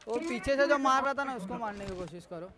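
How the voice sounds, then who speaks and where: एक आदमी, live गेम stream करते हुए, साथियों को जल्दी-जल्दी निर्देश देता है।. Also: male voice, extremely high pitch, lively intonation, crowd noise. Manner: urgent rapid callouts to teammates. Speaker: streamer. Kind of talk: live gameplay squad chat.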